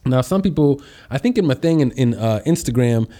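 A man's voice: mid-range voice, expressive, brisk. A man hosting a casual live stream as a podcast host and public speaker, chatting in a slangy, exuberant way and greeting viewers. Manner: upbeat, exuberant greetings and shout-outs; slangy, conversational.

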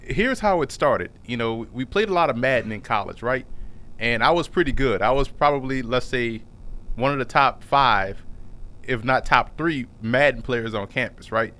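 A man's voice: mid-range voice, animated, moderate pace, a bit bright. A young man co-hosting a casual sports show in a studio, chatty and storytelling, often restarting his words. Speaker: podcast co-host. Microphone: studio mic on camera.

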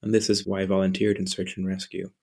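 A man in his late twenties from Ireland speaks in a low, gravelly voice. He answers interview questions carefully and articulately, now and then restarting a phrase. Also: completely flat delivery, a little mellow. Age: 20s. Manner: measured, articulate, with small restarts. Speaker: interview guest.

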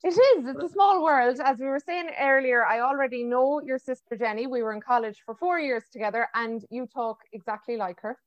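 Female podcast host, west of Ireland accent, fairly high chatty voice, dry lo-fi video-call sound. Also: brisk, hardly any pauses, no room sound. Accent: Mayo, west of Ireland. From County Mayo, Ireland. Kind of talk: casual interview hosting. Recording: dry, slightly muffled video-call audio.

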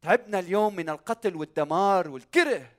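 Higher-voiced Lebanese man preaching. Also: expressive, fast talker. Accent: Lebanese Arabic. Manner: emphatic, repeating phrases and putting rhetorical questions to listeners. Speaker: pastor. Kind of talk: church sermon.

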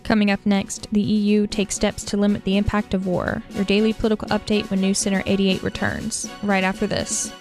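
A woman anchoring a student radio newscast, reading headlines in a steady, even manner. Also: mid-range voice, a little fast, hardly any pauses, music in the background. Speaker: news anchor.

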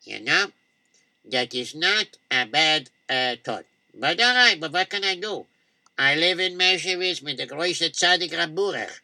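Excitable defensive shopkeeper, jumpy lively delivery, voiced by a man; dry close sound. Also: fairly high pitch, unhurried, dry recording, heavily acted. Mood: reasoning. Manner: flustered, repeating himself.

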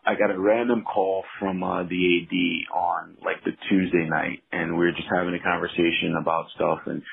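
Gravelly, husky low-voiced man on a phone line. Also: little pitch movement, moderate pace. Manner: earnest, rambling with frequent restarts. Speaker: head coach, interview guest. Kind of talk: casual interview talk. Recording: tinny phone-line audio.

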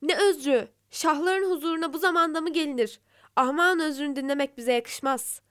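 A woman's voice: high-pitched, lively intonation, normal speed. A woman voicing a furious, boastful male lion king in a storybook fable. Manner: roaring, boastful.

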